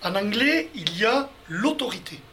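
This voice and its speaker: A man's voice: high voice, big pitch swings, normal speed, bright, forceful tone, a little hiss or hum. A man leading a Bible study, explaining verses step by step and speaking directly to his listeners. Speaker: Bible teacher. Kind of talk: Bible study teaching to a group.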